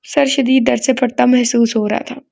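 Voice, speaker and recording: Female audio-novel narrator, higher pitch, jokey asides. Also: flat delivery, normal speed, gravelly, a little mellow. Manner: laughing side remarks.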